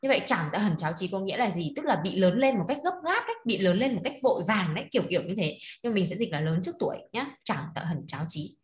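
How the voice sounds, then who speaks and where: A woman's voice: mid-range voice, very animated, very fast, hardly any pauses. A woman teaching an online class. She explains words, repeats them and prompts her students to read aloud. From Vietnam. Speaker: Chinese language teacher. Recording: echoey room.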